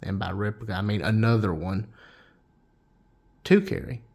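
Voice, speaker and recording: A man hosting a casual show-and-tell vlog, folksy and unhurried, with frequent restarts. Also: fairly low pitch, a little mellow. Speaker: knife channel host.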